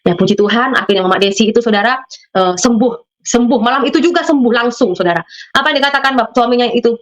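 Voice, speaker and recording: A woman's voice: on the high side, quick pace. A woman from Madura giving a spoken religious testimony, telling her story to listeners and acting out the voices of the people in it. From Madura, Indonesia. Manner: storytelling, often addresses listeners directly. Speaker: testimony guest.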